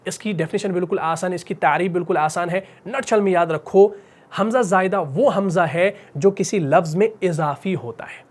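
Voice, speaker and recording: A male teacher explaining a rule slowly and patiently. He keeps circling back with rhetorical questions and repeats each point. He sinks to a soft, drawn-out whisper to stress key terms. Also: high-pitched. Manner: repetitive, asks rhetorical questions; drops to a slow whisper on key words. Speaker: Quran recitation teacher. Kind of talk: classroom-style lesson.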